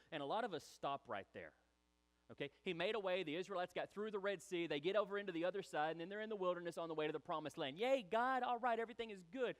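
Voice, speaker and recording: A man preaching a sermon, animated and chatty, acting out the voices of people in the story. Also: on the high side. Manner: animated, acts out quoted voices, chatty asides. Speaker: pastor.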